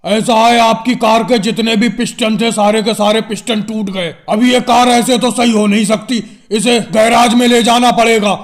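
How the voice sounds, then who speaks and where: A man's voice: very high-pitched, fairly even intonation, normal speed, hardly any pauses. A man voicing a fake roadside mechanic in a cartoon, with a blunt, dramatic way of talking.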